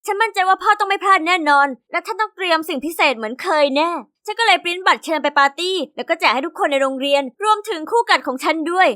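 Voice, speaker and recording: A woman narrates an animated diary story in the first person as a young girl. Her voice sits very high and sounds bright and ringing. Her delivery is lively and expressive, in a scripted storytelling style. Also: fast, few pauses.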